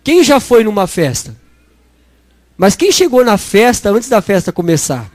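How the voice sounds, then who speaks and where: A middle-aged Brazilian man preaching a lively sermon full of storytelling, who acts out dialogue and calls his listeners brothers. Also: high voice, measured pace, no echo. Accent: Brazilian Portuguese. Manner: animated, acts out dialogue, addresses congregation as brothers.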